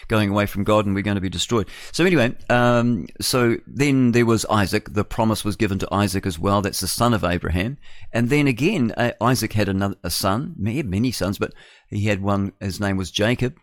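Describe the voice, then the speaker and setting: Talking a little fast in a fairly low voice, a sixty-something New Zealander hosts radio with a meandering, conversational monologue of opinions, peppered with rhetorical tag questions. The sound is clean studio quality with no room sound.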